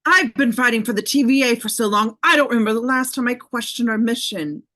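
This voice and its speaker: A man's voice: extremely high pitch, fairly quick, pushed and bright, pitched above the performer's own voice. A man voicing a stern female time-agency officer who is shaken in her beliefs, speaking in an earnest, pleading way. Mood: troubled.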